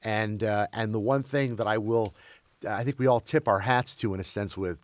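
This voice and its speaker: Raised in Belgium, this man talks loosely as an interview guest, stumbling and restarting often as he circles back over his words. His lowish voice is steady at a normal speed, and the recording is dry, with almost no room sound.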